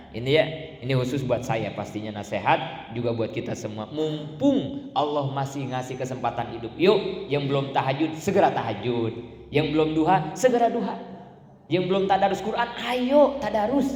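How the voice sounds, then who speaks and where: A man's voice: medium pitch, moderate pace, darkish tone. A man preaching a sermon, acting out the pleading voices of the dead. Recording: echoey hall.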